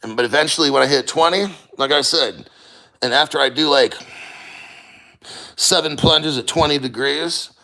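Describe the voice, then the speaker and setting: Man, sharp bright delivery, immersed in ice cold water. Off-the-cuff vlog host, blunt and sweary. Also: medium pitch, vocal fry. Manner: blunt, profane, rambling. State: sitting neck-deep in ice cold water. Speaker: crypto podcast host. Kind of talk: casual talk to camera.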